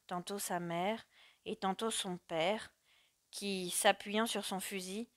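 A woman narrating a classic story in a measured, dramatic reading. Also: medium pitch, no echo, studio quality. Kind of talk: audiobook narration.

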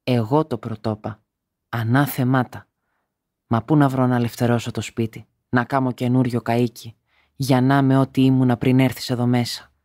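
A man's voice: medium pitch, level tone, darkish tone, no room sound, studio quality, close to an everyday voice. A man reading a story aloud and voicing a proud young man who speaks curtly and harshly. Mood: resentful. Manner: curt and harsh. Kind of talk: audiobook character reading.

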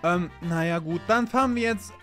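A man doing excited, playful gameplay commentary for his viewers, teasing his friends. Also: high-pitched, moderate pace, soft background music. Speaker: gaming YouTuber.

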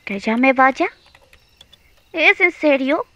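A woman playing a playful, pouty young girlfriend in an ASMR role-play, speaking slowly and coaxingly with teasing hums and pauses. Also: sits high, animated, bright, forceful tone, no room sound, muffled recording, heavily acted. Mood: pouty, annoyed.

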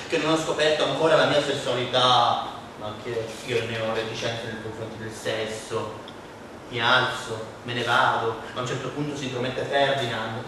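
A man from Palermo performing a theatrical monologue on stage, with wry, halting storytelling. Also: medium pitch, noisy background. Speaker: stage actor in a one-man show. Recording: echoey stage from far off.

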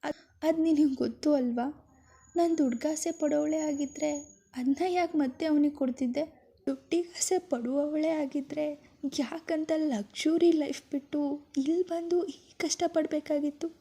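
A woman's voice: sits high, steady tone, unhurried, mellow, pitched above the performer's own voice. A woman voicing a hurt, tearful young woman speaking in an upset, pleading way.

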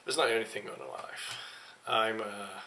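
A man's voice: lowish voice, a little fast, sharp tone, slight background noise. Tired, rambling young man on a webcam. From England. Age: young adult. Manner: rambling, hesitant, many fillers. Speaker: vlogger. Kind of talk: casual vlog to camera. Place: small home office room. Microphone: webcam at desk.

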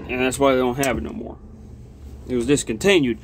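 A young man rambles through a casual vlog review, swearing freely and talking around a lip full of dip. His voice sits at a middle pitch. He is recorded indoors near the camera, with some noise in the background. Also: a little fast. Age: young adult. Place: small cluttered log-walled room, indoors.

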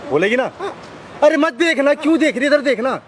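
A man's voice: extremely high pitch, lively intonation, brisk, over a noisy crowd. A young man on a busy street outdoors, insistent and pleading, repeating himself over and over. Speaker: bystander in a prank. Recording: loud street noise outdoors.

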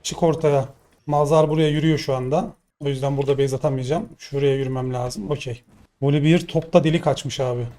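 A young man commentating his own gameplay live, excitable and swearing in frustrated outbursts. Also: medium pitch, brisk. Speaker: gaming streamer.

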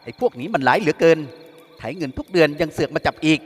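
A man's voice: a little high, expressive, quick pace, fairly bright tone, long reverb tail, faint music behind. A man voicing a curt hardened hitman. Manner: curt, clipped. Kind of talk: audiobook character voice.

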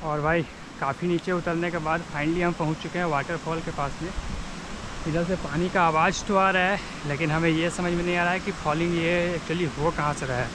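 A man's voice: on the high side, fairly even intonation, a little fast. A young man in his twenties narrating a casual travel vlog outdoors, chatting with viewers as he walks and rides. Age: 20s. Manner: chatty, keeps addressing viewers as brother. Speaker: travel vlogger. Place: outdoors on roads and forest trails. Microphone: handheld action camera and bike-mounted camera. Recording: outdoor noise on a camera mic.

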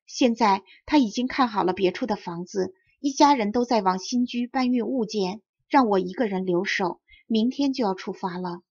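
Shy fox spirit girl, soft and hesitant, read by a woman, breathy, dull recording. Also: medium pitch, normal speed, hardly any pauses, no room sound. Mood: gentle. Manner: gentle, hesitant.

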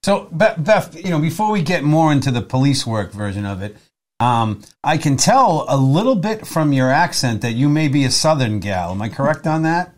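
A man's voice: medium pitch, sing-song, moderate pace. A man in his forties with a Boston accent, co-hosting an interview in a chatty, rambling way that keeps circling back on his words. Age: 40s. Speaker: podcast co-host. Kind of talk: casual interview chat.

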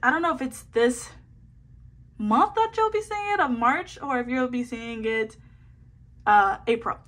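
Seated indoors at a table, a woman films her hands as she sorts photocards into a binder, chatting casually for her collecting vlog. She is bubbly, slangy, and full of small asides, with a fairly high, slightly bright voice, lively intonation, and a slightly slow pace.

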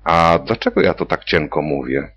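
A man voicing a dazed, pompous male party official who speechifies in a thin high voice. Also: normal speed, fairly bright tone, a little hiss or hum. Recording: dull lo-fi recording.

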